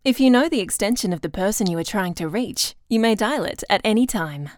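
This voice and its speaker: A woman reading a recorded phone menu message, with slow, measured prompts. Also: mid-range voice, animated, no echo, studio quality. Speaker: phone system announcer.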